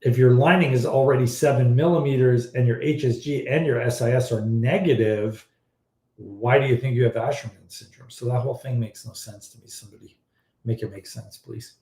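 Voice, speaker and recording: A man who is a fertility doctor, originally from Iran, answering viewer questions in a casual live chat, blunt and animated. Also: mid-range voice, brisk, reverberant. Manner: blunt, animated, exasperated at odd claims.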